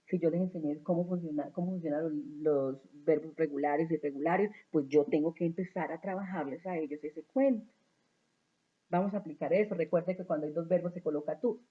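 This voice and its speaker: Lively Spanish-speaking male teacher, tinny sound. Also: high-pitched. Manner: animated, asks "¿sí?" often, repeats points. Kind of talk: university didactics lecture. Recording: tinny phone-like recording.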